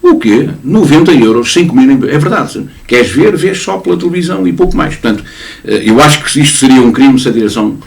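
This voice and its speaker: A man commenting on football in a casual studio chat, animated and emphatic, often repeating and restarting words. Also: medium pitch, fast talker, vocal fry. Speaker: sports commentator. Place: local TV studio.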